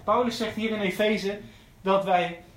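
A man delivers an earnest sermon, circling back to repeat his key phrases. His voice sits high for a man. The sound rings with the echo of a large church. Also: steady tone, unhurried, a bit bright. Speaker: preacher.

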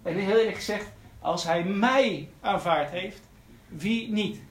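A man delivers an earnest sermon, circling back to repeat his key phrases. His voice sits high for a man. The sound rings with the echo of a large church. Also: slow pace. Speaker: preacher.

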